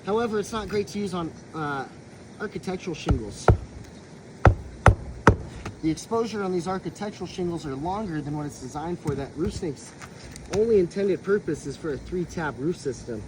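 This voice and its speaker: A man's voice: fairly high pitch, expressive, normal speed. A man, a roofing contractor, explaining a repair in a practical, plain-spoken way while out of breath on a roof. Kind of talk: casual on-the-job explanation. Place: outdoors on a roof. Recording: noisy outdoor recording.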